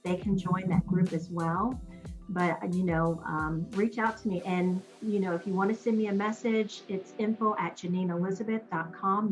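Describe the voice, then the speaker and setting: A woman guest giving earnest, encouraging advice in an interview, with frequent ums. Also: mid-range voice. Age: adult with children. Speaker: guest, single-parent coach. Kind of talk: interview conversation.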